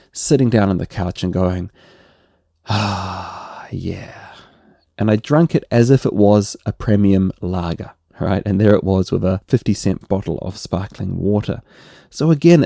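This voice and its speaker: A middle-aged man with a New Zealand accent, hosting a relaxed solo podcast and often tagging his points with "right?". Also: fairly low pitch, creaky, no room sound, clean studio sound. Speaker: podcast host.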